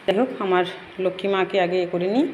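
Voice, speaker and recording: A woman's voice: on the low side, fast, a little mellow. Woman, home shrine vlogger, earnest and pleading, faint noise in the recording. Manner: earnest, pleading, addresses viewers as friends. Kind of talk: devotional home vlog talk.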